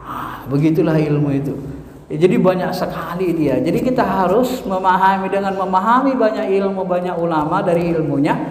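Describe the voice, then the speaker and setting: A man preaching a religious lecture in an animated way, posing rhetorical questions and answering them himself. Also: high voice, brisk. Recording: echoey hall reverb.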